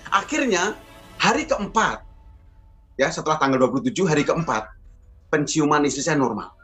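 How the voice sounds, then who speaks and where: A middle-aged man telling a personal testimony in a sermon as pastor, with animated storytelling. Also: fairly high pitch, normal speed, soft background music. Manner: animated storytelling, acts out quoted voices.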